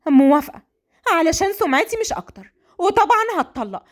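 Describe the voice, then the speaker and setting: A woman's voice: very high voice, very animated, quick pace, voice pushed up. A woman voicing a proud, defiant young bride. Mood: determined.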